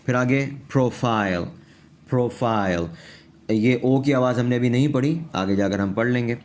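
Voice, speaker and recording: A man's voice: mid-range voice, darkish tone. A man with a Pakistani accent teaching English pronunciation in Urdu, patiently repeating each word and checking in with his students.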